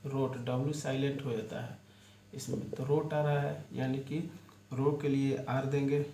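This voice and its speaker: A man's voice: medium pitch, level tone, unhurried, creaky, mellow. A man teaching a shorthand lesson online, explaining step by step and spelling words out letter by letter. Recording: echoey room with faint ambient noise.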